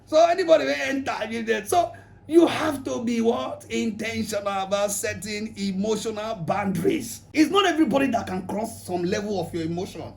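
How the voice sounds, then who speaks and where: High-voiced Nigerian man, joking relationship talk. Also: a little fast, creaky. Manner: humorous, mixes pidgin, acts out quotes. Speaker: relationship speaker. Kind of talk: lively relationship talk to an audience.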